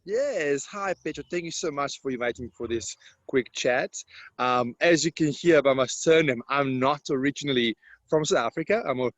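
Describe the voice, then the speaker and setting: Here a man from Serbia, his English marked by a Serbian accent and faulty grammar, responds to interview questions with the confident pitch of a property-investment coach. He has a medium-pitched voice at normal speed, and the recording has no room sound.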